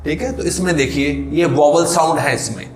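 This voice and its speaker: Male English teacher, fairly high voice, echoey room, questions-and-answers lesson style, slows on key terms. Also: soft background music. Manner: mixes Hindi with English words. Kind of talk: classroom-style lesson explanation.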